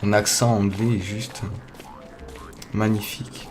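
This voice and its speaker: A young man giving casual let's play commentary, excitable, swearing often, talking to his viewers, with loud startled outbursts. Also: lowish voice, takes it slowly. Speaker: gamer playing a survival game. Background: faint game music.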